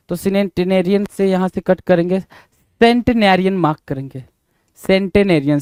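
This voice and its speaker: A man's voice: a little high, darkish tone, clean tone, dry recording. A man teaching a spelling lesson, spelling words out letter by letter and repeating each point, with an Indian accent. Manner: often adds "bhai" to address viewers. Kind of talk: spelling lesson, checking answers.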